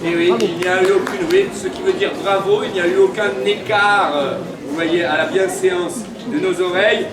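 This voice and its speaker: Male town crier, playful and declamatory, high voice, heard from off in an echoey space with crowd behind. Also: lively intonation, normal speed, hardly any pauses. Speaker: town crier hosting a street event. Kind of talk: town crier's theatrical public proclamation. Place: public gathering with an audience. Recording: echoey, distant mic in a crowd.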